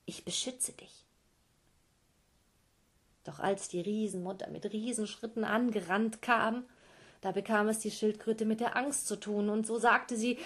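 A woman telling a fairy tale to children, lively and speaking directly to her listeners. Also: mid-range voice, moderate pace. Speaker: storyteller for children. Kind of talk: storytelling to children.

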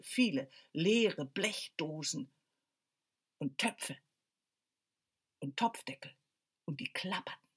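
A woman's voice: lowish voice, slightly rough. A woman telling a children's story in a lilting voice, speaking to the listeners directly.

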